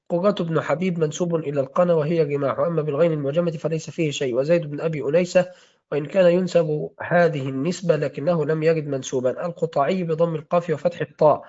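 During a lesson, a man steadily reads aloud from a classical hadith-studies text, spelling out names and their vowels. His voice is a little high and darkish, on a dull lo-fi recording.

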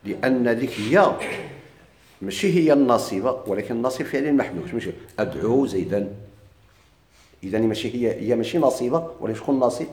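Fast-talking Moroccan grammar teacher. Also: male voice, medium pitch, animated, darkish tone. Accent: Moroccan Arabic. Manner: asks questions and answers them himself. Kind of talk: classroom lecture. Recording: echoey room.

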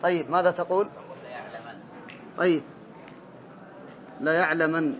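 At a measured pace, a man with a steady voice on the high side teaches Arabic morphology, drilling his class in grammar, calling on students by name, and correcting them. The classroom recording is dull and lo-fi with a little hiss or hum.

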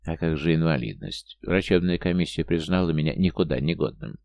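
A man's voice: extremely low pitch, brisk, gravelly, darkish tone. A man reading a bitter, accusing ex-cop. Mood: resentful. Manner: harsh, accusing, agitated. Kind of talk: audiobook character voice.

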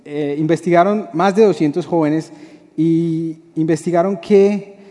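Youth pastor in a reverberant hall. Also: male voice, on the high side, a little slow. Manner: lively, joking, acts out dialogues. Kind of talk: youth sermon.

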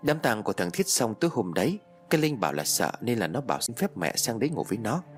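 A man narrating a first-person ghost story in a lively, dramatic storytelling manner. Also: fairly low pitch, fast talker, faint music behind.

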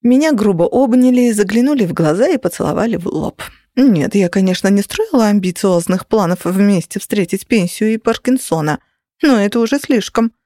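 A woman's voice: medium pitch, lively intonation, normal speed, dark tone, dry recording, clean studio sound. A woman narrating a first-person novel in a wry, self-mocking storytelling manner. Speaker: audiobook reader.

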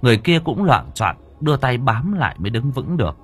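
A man narrating an audiobook story in a dramatic, animated reading. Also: medium pitch, fairly quick, slightly rough. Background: faint music.

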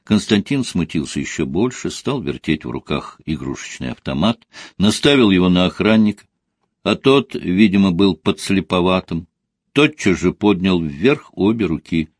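A man narrates a story in a low, husky voice, with a lively, expressive rise and fall. The sound is dry and close, with no room around it. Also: moderate pace, dry recording. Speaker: audiobook reader. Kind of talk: scripted narration.

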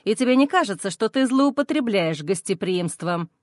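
A woman's voice: medium pitch, lively intonation, normal speed, dry recording, clean studio sound, pitched below the performer's own voice, lightly acted. A woman voicing a stern, commanding man in an audiobook, speaking in a harsh, metallic tone. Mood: cold. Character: stern commanding man, protective older brother.

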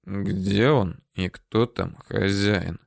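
A man voicing a hard, threatening male interrogator for an audiobook, talking curtly, slowly and low. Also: gravelly, no echo, clean studio sound, heavily acted. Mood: cold. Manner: curt, threatening, slow and low. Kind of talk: audiobook character voice.

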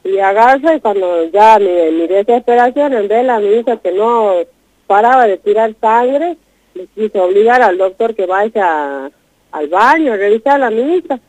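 A woman's voice: mid-range voice, lively intonation, a little slow, a little mellow, no room sound. A woman urgently retelling a distressing personal story as a radio guest, repeating herself as she goes. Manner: urgent, repetitive, retelling in a rush. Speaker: guest telling her story. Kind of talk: emotional first-person account. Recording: dull lo-fi radio broadcast.

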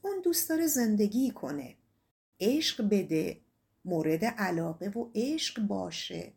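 A woman reading an audiobook voices the wise and majestic sun as a kindly male king, who speaks in a gentle, measured way. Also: mid-range voice, very animated, gravelly.

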